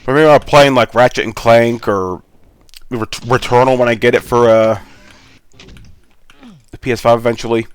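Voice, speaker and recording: A congested man with a sore throat hosts a gaming channel, rambling in a laid-back way through gameplay commentary on a headset mic. His medium-pitched voice is smooth and steady in tone, at normal speed with long pauses.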